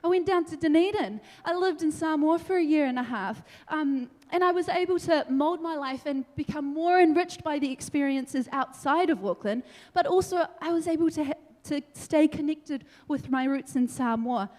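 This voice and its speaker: High-voiced energetic woman debater in a hall. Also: normal speed, few pauses. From New Zealand. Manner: energetic, animated, laughs between points. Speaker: debate speaker. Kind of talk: formal debate speech. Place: large council meeting hall. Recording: long hall reverb.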